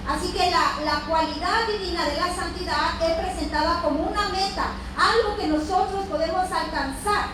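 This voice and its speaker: A woman's voice: extremely high pitch, normal speed, hardly any pauses. A woman teaching a Bible lesson with fervor, breaking into amens and calls to God. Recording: echoey room from far off with noise.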